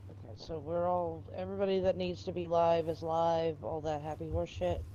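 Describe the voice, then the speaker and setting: A woman's voice: lowish voice, flat delivery, moderate pace, dark tone, dull audio. A woman hosting a casual gaming stream, playfully hyping each player with mock-grand introductions. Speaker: stream host. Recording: faint background noise.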